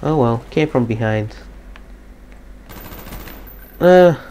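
A man giving casual live gameplay commentary, slightly depressed and monotone, swearing casually. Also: mid-range voice, extremely slow. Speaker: gaming commentator.

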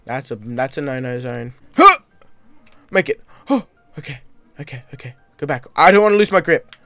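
Guy yelling thru a let's play, bright sharp voice, swings all over, faint game music behind. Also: medium pitch, a little fast, dry recording. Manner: excitable, yelping and shouting at mishaps. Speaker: gaming channel host.

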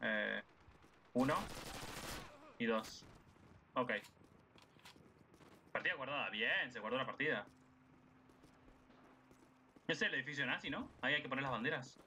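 A young man with an Argentine accent giving casual, excitable gameplay commentary, swearing and shouting at the game. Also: mid-range voice, unhurried, long pauses. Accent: Argentine Spanish. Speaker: gaming YouTuber. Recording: noisy game audio with gunfire behind.

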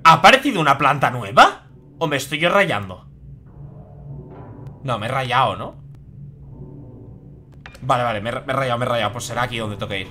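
A man's voice: medium pitch, lively intonation, normal speed, pauses often, pushed and bright, a little hiss or hum. A young man from Spain with a Spanish accent, chatting and swearing as he comments on a live horror game. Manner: chatty, swears freely, reacts aloud. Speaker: streamer.

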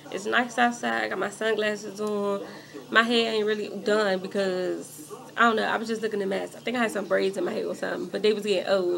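A woman's voice: a little high, vocal fry. A young woman vlogger in casual storytime chat, rambling and filling her talk with "like" as she speaks straight to viewers. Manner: animated when indignant. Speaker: beauty vlogger. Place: at home doing makeup.

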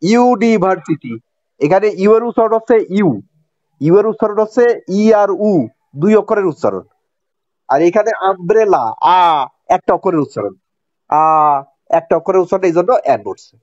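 High-voiced Bangladeshi male teacher. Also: big pitch swings, a little fast, a little mellow, no echo. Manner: repeats points and checks understanding with questions. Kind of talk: classroom grammar lesson. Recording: dry, dull lo-fi recording.

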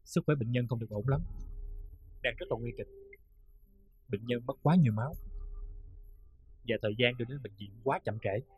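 An actor playing a calm, formal emergency-room doctor in a TV drama. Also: male voice, medium pitch, moderate pace, pauses often, breathy edge, natural voice, poor audio. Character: calm, matter-of-fact male ER doctor. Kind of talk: TV drama acting.

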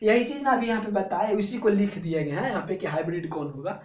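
A man's voice: sits high, fast talker, darkish tone. A man with a Bihari Hindi accent teaching an exam-prep biology lecture. He talks in a colloquial, coaxing way, keeps checking whether students follow, and drills the answers by chanting them again and again. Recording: echoey room.

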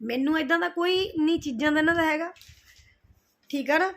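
Slightly fast and fairly bright, her high voice drives a heated rant aimed at the camera. The middle-aged woman, a vlogger answering people who roasted her, scolds and confronts them while repeating what she's said.

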